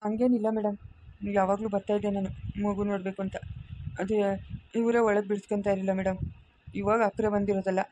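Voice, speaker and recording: A woman's voice: medium pitch, flat delivery, quick pace, pauses often, warm tone, a little hiss or hum, lightly acted. A woman acting a desperate estranged father who begs to hold his baby son, deferential and pleading, with a Chikkaballapur Kannada accent, in an amateur family drama. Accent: Kannada of Chikkaballapur area. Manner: pleading, deferential, keeps saying madam.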